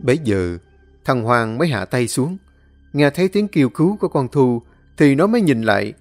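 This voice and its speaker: A man's voice: medium pitch, very animated, normal speed, soft background music. A man narrating a dramatic story expressively, acting out the scenes.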